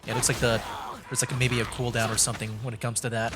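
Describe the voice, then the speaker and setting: Over heavy background noise, a man with a medium-pitched, flat voice streams a game. He casually talks through the puzzles as he solves them, thinking aloud with halting restarts.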